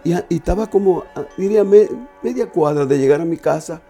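Man, slightly high voice, earnest and halting, giving an emotional personal testimony. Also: dark tone, husky, faint music behind. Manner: halting, earnest storytelling with repeated restarts. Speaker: speaker sharing a personal testimony.

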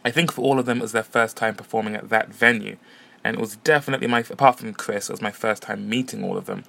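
A podcast host with a lowish, gravelly but fairly bright voice talks fast in a steady tone, easily chatting as he introduces and interviews performers. The casual narration and interviews take place at a music venue and on the street outside.

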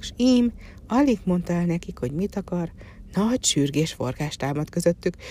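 Calm storybook narrator. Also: medium pitch, a little hiss or hum. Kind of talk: storybook narration of a folk tale.

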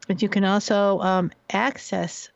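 A woman's voice: mid-range voice, level tone, measured pace, gravelly, no room sound, lo-fi sound. A woman hosting a radio talk show, affirming her guest often and announcing the break.

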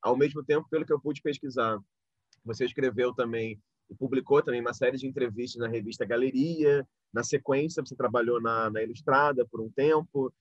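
Speaking fairly quickly in a mid-range voice, a Brazilian-accented man interviews someone in a polite, discursive, conversational way, circling around his questions. The audio is roomy, dull, and lo-fi.

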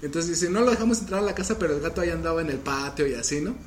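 A man's voice: fairly high pitch, expressive, racing, slight background noise. A young man with a Mexican accent, casually telling spooky family stories in slangy, laughing speech. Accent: Mexican Spanish. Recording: echoey room with faint music.

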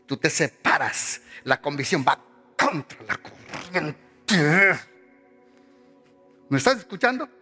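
A man preaching a sermon with passion, repeating phrases and climbing in pitch as he acts out quoted voices. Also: very animated, moderate pace, sharp tone, slightly rough, faint music behind. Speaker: pastor.

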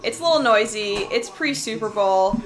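A woman's voice: fairly high pitch, animated, normal speed. A woman hosting a casual chat podcast, chatty and laughing often, recorded live in a busy room. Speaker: podcast host. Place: busy room at a live pre-game party. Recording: noisy room.

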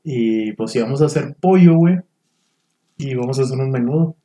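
A man's voice: medium pitch, lively intonation, brisk, dark tone. A young man with a Mexican accent telling a party story in slangy casual chat, saying "güey" often. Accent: Mexican Spanish. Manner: slangy, says "güey" constantly. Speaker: podcast guest.

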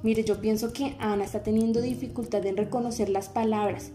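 A woman playing a caring teacher in a dubbed film, explaining slowly and earnestly over background music. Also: fairly high pitch, steady tone, natural voice. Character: patient caring female teacher, adult.

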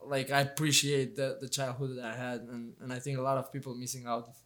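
A young Albanian fighter sits as a guest in a casual interview, speaking quickly with a medium-pitched voice. He's relaxed but hesitant, full of fillers and restarts.

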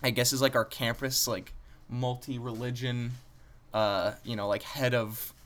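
A man's voice: medium pitch, little pitch movement, measured pace, fairly bright tone. A young man, a college student, chatting casually and rambling with lots of filler words. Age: young adult. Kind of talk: casual chat.

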